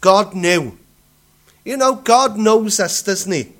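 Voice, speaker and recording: Slow-paced male preacher, repeats himself, leans on rhetorical questions. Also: high voice, expressive, a bit bright. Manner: restarts and stumbles over words. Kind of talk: sermon.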